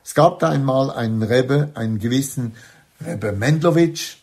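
A man teaching a religious lecture, stressing key words by slowing down and repeating phrases. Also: mid-range voice, a little mellow.

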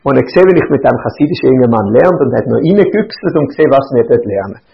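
A man's voice: medium pitch, lively intonation, rapid-fire, gravelly. A man giving a Torah lecture as a rabbi, explaining step by step and repeating his points with rhetorical questions. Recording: dull lo-fi recording.

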